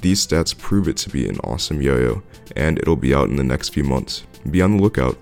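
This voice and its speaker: Man, very deep voice, gravelly, podcast host, scripted ad read, steady, faint music. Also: fairly quick. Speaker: podcast host reading sponsor spots.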